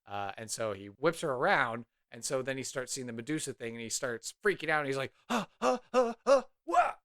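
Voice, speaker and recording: A man narrating a tabletop role-play scene as game master, in a relaxed, rambling way full of fillers. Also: mid-range voice, fairly quick, dry recording, clean studio sound.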